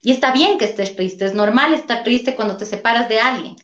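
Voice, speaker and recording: A woman's voice: on the high side, brisk. A woman, a talk-show guest earnestly explaining, often checking in with rhetorical questions. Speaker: guest speaker on emotions and trauma. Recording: dull lo-fi sound.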